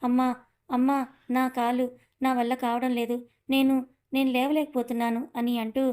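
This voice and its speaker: A woman's voice: sits high, little pitch movement, normal speed, a little mellow, close to an everyday voice. A woman voicing a frightened, injured young woman dancer who speaks tearfully. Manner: tearful, pleading.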